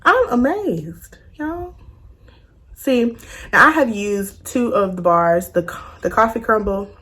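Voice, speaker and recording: A chatty vlogger reviews soaps in a casual product review, talking sassily and informally as if to a girlfriend. She speaks through braces and stumbles on long words, with a mid-range, fairly bright voice at an unhurried pace.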